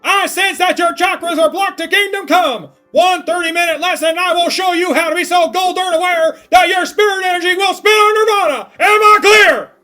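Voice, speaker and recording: A belligerent drill sergeant turned yoga guru, barking orders in a high, forceful shout. He is domineering and loud, as if running a boot camp in a comic game, with faint music underneath. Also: steady tone, normal speed, hardly any pauses.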